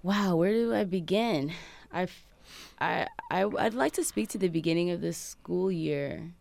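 Woman, teacher, low voice, gravelly, earnest, reflective, dry recording. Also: lively intonation, measured pace, darkish tone, dry recording. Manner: earnest, reflective, speaks in lists of values. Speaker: teacher guest. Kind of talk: casual conversation.

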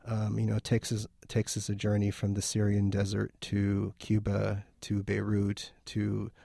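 Low gravelly man, dark and flat. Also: a little slow, no room sound, studio quality. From Lebanon. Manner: thoughtful, with frequent restarts. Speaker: film festival organizer. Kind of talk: radio interview.

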